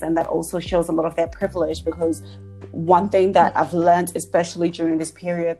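A woman from Zimbabwe co-hosting a podcast, talking in a thoughtful, measured way. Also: on the low side, darkish tone. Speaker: podcast co-host. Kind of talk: casual chat.

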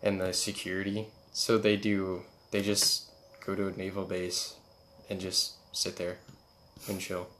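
A young man in easy, slangy conversation with a friend, laughing often. His voice sits a little low and rings with a roomy echo, with a faint hiss underneath. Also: monotone, a little slow, a bit bright. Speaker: friend chatting. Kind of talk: casual chat.

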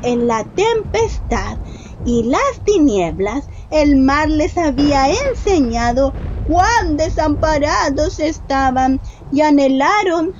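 A woman reads a Bible story to a child in a slow, deliberate way. Her fairly high voice swoops widely as she paints each scene. A faint hiss of noise sits behind her. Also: highs cut off. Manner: expressive, slow, questions the child.

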